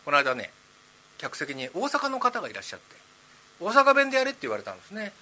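A man tells rakugo in a lively, playful way, chatting with the audience between bits. His voice is high and very bright, with a wide, bouncing pitch. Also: quick pace, rough recording. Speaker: rakugo storyteller. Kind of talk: rakugo storytelling.

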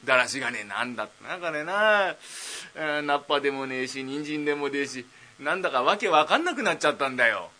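A man voicing a dim-witted idle young man nearly thirty, rambling slowly in rakugo storytelling. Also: on the high side, expressive, sharp tone.

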